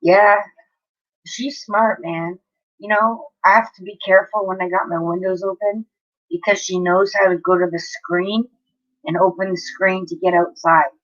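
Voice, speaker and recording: A woman's voice: medium pitch, steady tone, moderate pace, muffled recording. Chatty swearing woman. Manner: chatty storytelling, frequent swearing. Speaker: livestreamer. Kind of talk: casual livestream chat. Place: home, near an open window.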